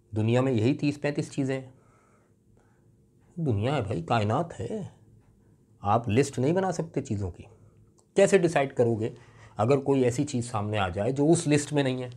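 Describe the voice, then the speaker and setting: A middle-aged man, teaching English grammar in a classroom lecture. He asks questions and answers them himself, and reads out example phrases slowly. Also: medium pitch, darkish tone, breathy edge. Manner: explains patiently, asks and answers his own questions; often adds a checking "right?" aside. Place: classroom with a board.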